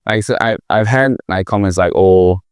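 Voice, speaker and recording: A man's voice: lowish voice, fairly quick, smooth, dry recording, studio quality. A man from Nigeria with a Nigerian accent, hosting a casual chat in a joking, goofy way. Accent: Nigerian English. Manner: goofy, joking, switches registers. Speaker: podcast host.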